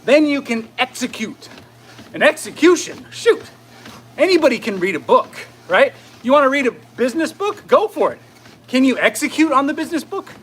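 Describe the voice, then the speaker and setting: A man giving a casual motivational fitness talk as a coach while walking briskly on a treadmill, often checking in with "right?". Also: very high voice, very animated, a bit bright, slight background noise. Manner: conversational, often tags phrases with "right?".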